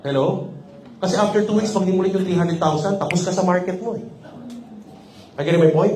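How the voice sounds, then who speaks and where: A man with a Filipino accent giving a sales training seminar, teasing and often checking that the audience is following. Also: high-pitched. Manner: teasing, keeps checking in with the crowd. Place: company office training room. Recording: echoey room.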